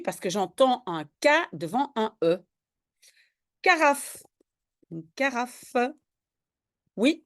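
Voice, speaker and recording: Slow, patient woman tutoring French spelling. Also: sits high, darkish tone. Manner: slow, patient, explains each word step by step. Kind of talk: one-on-one spelling lesson.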